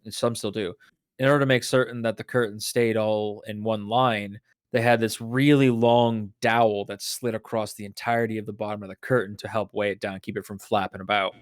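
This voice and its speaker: A man's voice: fairly low pitch, fairly even intonation, fairly quick, dry recording. A man, the game master, chatting with players and telling a bit of trivia in a casual, storytelling way. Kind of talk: casual chat among players.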